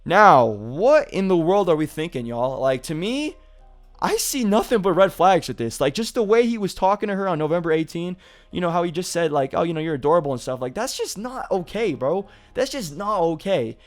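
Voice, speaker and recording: A man's voice: high voice, sing-song, a little fast. A man hosting a gaming commentary video, talking casually with lots of "you know" and "like". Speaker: gaming YouTuber.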